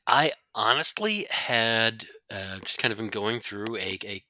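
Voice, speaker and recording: Bright, lively-voiced man reading lore. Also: fairly low pitch, unhurried, a little hiss or hum. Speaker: game master. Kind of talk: reading a worldbuilding prompt.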